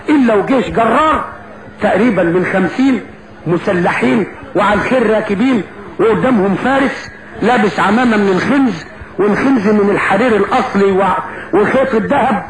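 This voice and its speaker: A man with an Egyptian Arabic accent telling a folk epic as an Arabic cafe storyteller, addressing his listeners directly and moving between formal phrases and colloquial asides. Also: high-pitched. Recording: roomy echo, clear background noise.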